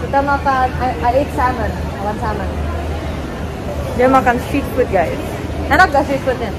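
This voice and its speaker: A woman's voice: high-pitched, normal speed. A young woman, a vlogger, chatting to viewers through a face mask in a busy shopping mall. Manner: chatty, addressing viewers directly. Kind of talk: casual travel vlog. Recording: loud music and crowd noise behind.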